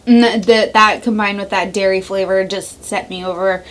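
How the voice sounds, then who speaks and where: A woman's voice: medium pitch, fairly even intonation, moderate pace. A woman hosting a casual taste-test vlog, chatting and giving blunt opinions about sweets. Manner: chatty, blunt reactions, frequent laughs. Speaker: vlog host.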